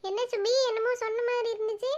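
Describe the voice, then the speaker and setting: Nosy cartoon aunt, voiced by an actor, very high voice, teasing, chatty. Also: flat delivery, fast. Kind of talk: cartoon voice acting.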